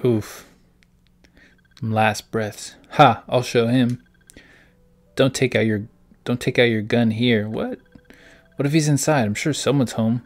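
A man's voice: medium pitch, fairly even intonation, unhurried, pauses often. Man reading game dialogue aloud. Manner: reads dialogue aloud in a plain voice between puzzled asides. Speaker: gaming channel host. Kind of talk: playthrough commentary, reading game text aloud.

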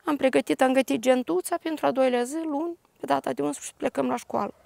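An older woman with a Moldovan Romanian accent, a grieving grandmother giving a halting, detailed personal testimony. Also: high voice, steady tone, vocal fry, darkish tone, dry recording. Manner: halting, detailed retelling with restarts.

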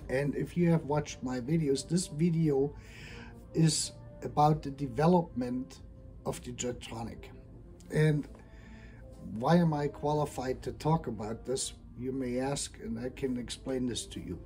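Middle-aged man, mellow voice. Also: mid-range voice, soft background music. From Germany. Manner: unscripted, hesitant, many pauses and restarts. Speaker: hardware engineer, channel host. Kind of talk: casual talk to camera.

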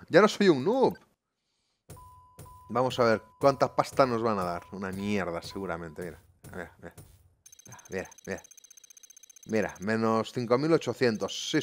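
A man commentating his bus-driving gameplay live home, swearing often and grumbling to his viewers. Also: lowish voice. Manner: swearing, exasperated, talking to viewers. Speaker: gaming YouTuber. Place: home room.

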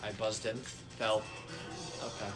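A man in casual gaming chat, easygoing and quick to laugh. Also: on the low side, completely flat delivery, fairly bright tone. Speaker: co-host. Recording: faint music behind.

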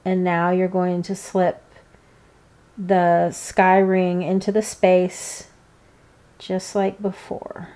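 A woman giving informal, hands-on step-by-step craft instruction, pausing between steps. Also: fairly low pitch, monotone, warm tone. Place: indoors, seated at a work table.

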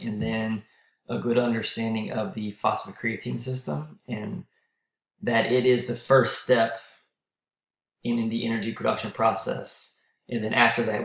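Man, college lecturer, very gravelly voice, losing his voice, frequent throat clearing, roomy echo. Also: mid-range voice. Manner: relaxed, repeated throat clearing, frequent "okay?" checks. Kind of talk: recorded voice-over lecture.

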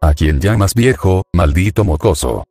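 A deep-voiced man reading as Jiraiya, a gruff older ninja. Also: animated, normal speed, no room sound, soft background music. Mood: grumbling. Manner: gruff, shouting back.

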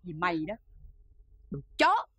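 A woman's voice: lowish voice, sing-song, measured pace, fairly bright tone, slightly rough, no echo, exaggerated voice. An actress in a Vietnamese TV drama, playing a harsh, bullying woman who barks orders at her henchmen. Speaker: thug leader in TV drama.

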